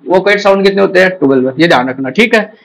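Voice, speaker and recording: Indian male teacher, high voice, drilling exam questions. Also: expressive, very fast, gravelly, a bit bright, low-quality recording. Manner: drills with repeated questions and answers. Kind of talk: exam-prep lecture.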